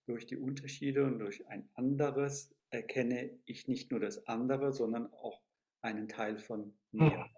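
A man speaks as a podcast guest at an unhurried, deliberate pace. He thinks aloud, often pausing on hesitant filler sounds while he searches for the right word. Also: mid-range voice, steady tone, warm tone. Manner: thoughtful, searching for words with many filler sounds. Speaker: guest discussing education theory. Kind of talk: reflective conversation.

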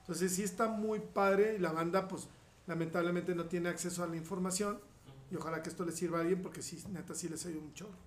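A man's voice: sits high, fairly even intonation, fast, slight background noise. A man with a Mexican accent, a surgeon talking bluntly and casually on a podcast, full of slang and swearing. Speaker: surgeon guest. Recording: roomy echoey room.

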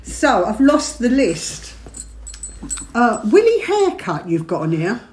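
A woman's voice: on the high side, wildly swooping pitch, slow, a little mellow. An older woman, a mother co-hosting a casual chat, who giggles, swears freely and mimics people in squealing voices. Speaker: podcast co-host, mother.

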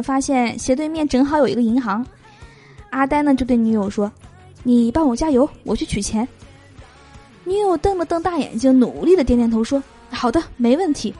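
A woman hosts a show of spoken jokes in a high, animated voice that rises and falls a lot. She keeps a cheerful tone and laughs at her own punchlines. Faint music plays under her voice. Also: a little fast. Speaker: host. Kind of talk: reading jokes aloud.

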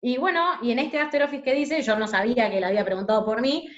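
A young woman speaks as an interview guest with a Rioplatense Spanish accent. She talks loudly and tells her stories in a lively way. The recording sounds a little dull and muffled. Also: on the high side, fast talker. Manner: loud, lively storyteller. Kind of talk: casual interview.

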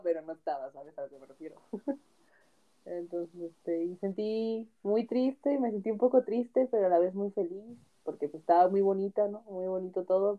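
Young woman, dull lo-fi sound. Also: mid-range voice. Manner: wistful, chatty with slang. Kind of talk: casual chat.

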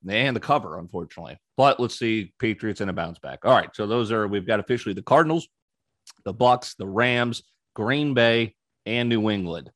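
Casting note: man hosting a betting show, low voice, dry close sound, chatty and opinionated. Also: no room sound. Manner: breezy, opinionated, frequent ums. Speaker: sports betting podcast host. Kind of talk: casual sports betting talk.

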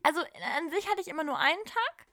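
Young woman co-host, high voice, dry close sound, chatty and laughing. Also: quick pace, no room sound. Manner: lively, laughing storyteller. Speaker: podcast co-host. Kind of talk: casual chat.

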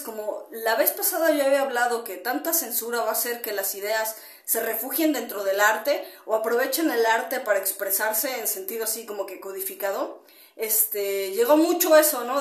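A woman hosts a casual solo podcast, rambling along with lots of fillers and tag questions and greeting listeners mid-talk. Her voice is fairly high, and the room sounds echoey.

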